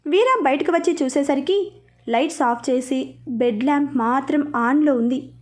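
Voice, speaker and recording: A woman narrating a serialized love story with a high voice. She reads steadily and plainly, moving the tale along between the couple's lines. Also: moderate pace.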